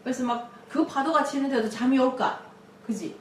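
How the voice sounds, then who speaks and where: A woman pastor preaching a lively sermon, laughing often and acting out quotes. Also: high voice, normal speed, slight background noise. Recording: echoey room, mic at a distance.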